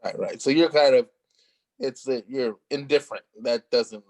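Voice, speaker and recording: A man's voice: mid-range voice, normal speed, darkish tone, no room sound. A man hosting a casual interview, agreeable and prompting his guest with short replies. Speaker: interviewer host.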